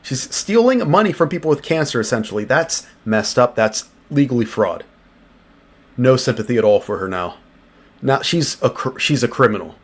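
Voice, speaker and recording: A man's voice: medium pitch, expressive, normal speed. A young man hosting a reaction video, talking casually and bluntly, swearing and speeding up when he gets worked up.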